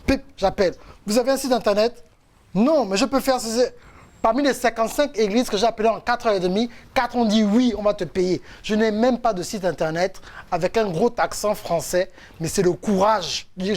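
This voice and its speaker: Male coach, lively storyteller, faith testimony, mid-pitched. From France. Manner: animated storytelling, acts out quotes. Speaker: coach and speaker.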